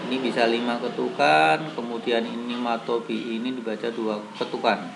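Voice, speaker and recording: A man's voice: mid-range voice, fairly even intonation, moderate pace, vocal fry, low-quality recording. A man teaching a Quran reading lesson, explaining patiently and chanting the verses in a melodic recitation. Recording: audible background noise.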